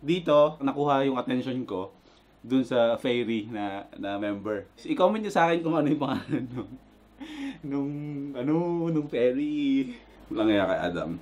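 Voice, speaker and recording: A man with a Filipino accent hosting a casual reaction vlog, excitable and prone to loud exclamations, switching between Tagalog and English. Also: medium pitch, normal speed. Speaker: reaction video host.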